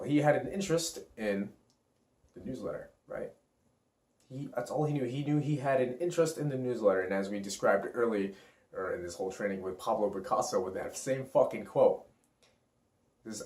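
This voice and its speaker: A man's voice: medium pitch, moderate pace, darkish tone. A man who works as a self-awareness coach, talking in a rambling, profane, hyped-up motivational vlog. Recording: roomy echo.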